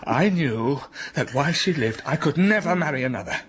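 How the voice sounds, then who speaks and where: An actor playing Mr Rochester, a brooding gentleman telling his troubled past in a radio drama with slow, heavy storytelling that flares up with passion. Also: fairly high pitch, animated, crowd noise, natural voice.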